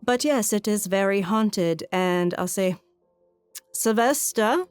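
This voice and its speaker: A woman's voice: mid-range voice, unhurried, darkish tone, clear, resonant tone, dry recording, faint music behind. A woman speaking casually as she describes things in a tabletop role-playing game.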